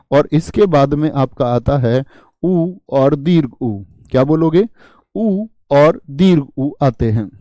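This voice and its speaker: A man's voice: medium pitch, warm tone, dry recording. A man teaching a class, asking his students questions and repeating the answers, with memory tricks and light jokes. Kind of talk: classroom lesson.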